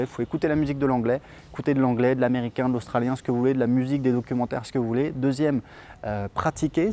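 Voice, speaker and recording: A man whose first language is French, hosting a relaxed spoken lesson on his channel. He talks in a loose, chatty way, stopping often to hesitate and restart. His voice sits at an ordinary mid pitch. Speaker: English teacher and channel host. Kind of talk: casual spoken lesson to camera.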